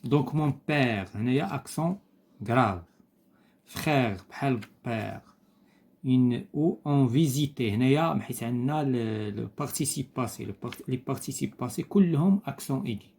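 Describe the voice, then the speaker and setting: A man with a Moroccan Arabic accent, teaching as he works through a French textbook exercise. He talks patiently, repeating each word and pausing on hesitant fillers. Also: mid-range voice, animated, vocal fry, a little mellow.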